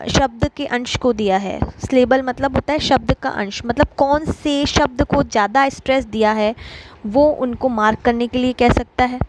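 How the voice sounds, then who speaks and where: Teaching an exam-prep lesson, a woman with a somewhat high voice explains things patiently and step by step. She pauses often on fillers, and a faint hiss sits beneath the recording.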